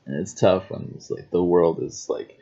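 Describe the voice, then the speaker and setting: A man with a somewhat low voice rambles through a casual vlog monologue. He muses aloud and laughs between thoughts. The sound is muffled and lo-fi. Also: normal speed, dark tone. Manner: rambling and musing, breaks into chuckles. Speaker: vlogger. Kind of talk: casual self-introduction monologue.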